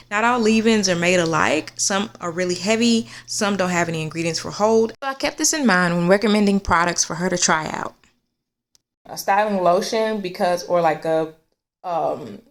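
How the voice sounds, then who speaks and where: A woman hosting a casual hair care chat, explaining her advice in a conversational way. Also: lowish voice. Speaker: host.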